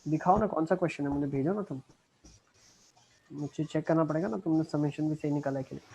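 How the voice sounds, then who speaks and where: A man's voice: fairly high pitch, quick pace, gravelly, warm tone. A man teaching maths in an online class, patient and step by step, his voice breaking up over a bad call connection. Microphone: video call. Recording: dull lo-fi video-call audio.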